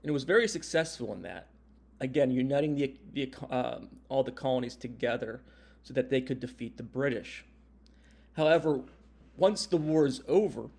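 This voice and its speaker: A man's voice: fairly high pitch, a little mellow. An American man speaking as a history and government teacher in an informal recorded lecture, explaining step by step and checking in with short tag questions. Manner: explanatory, punctuates points with check-in tags like "right?" and "okay?".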